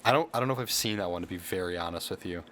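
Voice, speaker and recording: Deep-voiced young man, stammering and blunt. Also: very fast, fairly bright tone. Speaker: podcast co-host. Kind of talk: casual chat.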